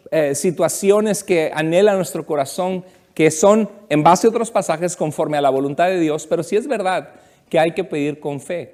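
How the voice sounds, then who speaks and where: A man's voice: a little high, a little mellow. A man preaching a conversational sermon as a pastor, asking his congregation questions and joking with them. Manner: chatty, asks the congregation questions, jokes. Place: church service.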